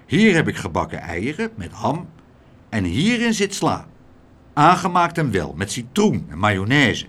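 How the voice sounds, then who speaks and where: A man voicing a bustling, blustering older man who booms his words. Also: wildly swooping pitch, unhurried, a bit bright, exaggerated voice. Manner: blustering, booming.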